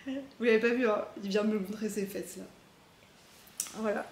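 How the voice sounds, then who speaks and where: A woman's voice: mid-range voice, moderate pace, a little mellow, roomy sound, a little hiss or hum. A woman vlogging casually about her knitting projects, chatty and full of fillers and restarts. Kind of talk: casual chat to camera. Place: home craft workshop. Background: jackhammer from far off.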